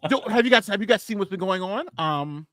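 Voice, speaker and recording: A man on a casual law chat talks in a high, very lively voice that jumps all over. He rambles and laughs a lot. The sound is dry and close, over a video call. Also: fairly quick, dry recording. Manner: animated, rambling, laughs often. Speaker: lawyer panelist.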